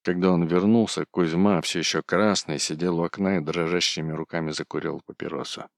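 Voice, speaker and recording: A man narrating a classic story in a steady, measured reading. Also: deep voice, creaky, dry recording, clean studio sound.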